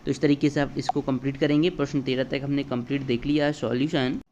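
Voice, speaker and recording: The recording is lo-fi with a little hiss or hum, and the man's mid-range voice is level, quick, and darkish in tone. He's a teacher explaining an exam paper to children one step at a time, frequently checking in with "है ना" and "ठीक है".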